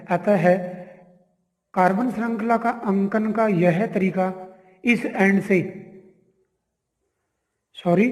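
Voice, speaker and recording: Slow, high-voiced man teaching chemistry. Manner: counts carbons aloud one by one, explaining patiently. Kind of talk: slow step-by-step chemistry lesson. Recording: echoey room with long reverb.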